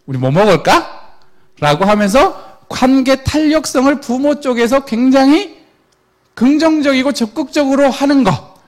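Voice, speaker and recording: A middle-aged man giving a lecture to parents, animated, acting out quoted parents and children. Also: very high voice.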